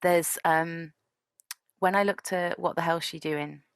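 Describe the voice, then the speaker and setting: Woman podcast host with a Yorkshire accent, low voice, hesitant polite questions. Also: steady tone, unhurried, creaky, smooth, no room sound. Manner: hesitant, polite, many ums. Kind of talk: interview questions.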